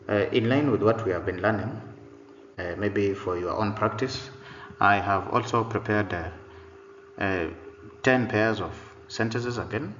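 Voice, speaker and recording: Low-voiced male teacher in an echoey room. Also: fairly bright tone, a little hiss or hum. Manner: deliberate, repeats example sentences, frequent "uh" fillers. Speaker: English teacher and presenter. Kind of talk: spoken pronunciation lesson. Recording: dull lo-fi sound in a roomy reverberant space.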